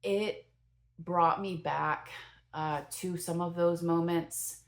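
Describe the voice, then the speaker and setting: Speaking slowly in a lowish, steady voice, a young adult woman offers her first take on a film. As a movie reviewer she keeps it casual and rambling, packing in fillers and correcting herself as she goes.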